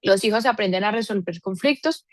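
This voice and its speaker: A woman's voice: mid-range voice, a little fast, no echo. A woman teaching a parenting seminar, explaining with everyday examples and affectionate diminutives.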